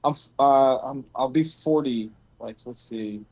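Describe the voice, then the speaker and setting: A man in his late thirties who runs a rescue mission sits on a bench outdoors, talking earnestly and thinking aloud in casual conversation. His mid-range voice is unhurried and a little mellow, in a dry recording.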